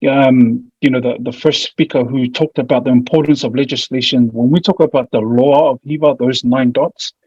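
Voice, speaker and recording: A man's voice: medium pitch, steady tone, moderate pace, hardly any pauses, darkish tone, slightly rough. A man with a broad New Zealand accent giving an informal, slightly hesitant online presentation. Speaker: presenter, family violence mediator. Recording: muffled, echoey room audio.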